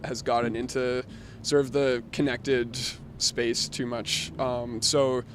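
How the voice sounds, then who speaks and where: Male founder guest, mid-pitch, explanatory and a bit halting, outdoor city patio. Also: little pitch movement, slight background noise. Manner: explanatory, hesitant with many ums. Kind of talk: interview answers.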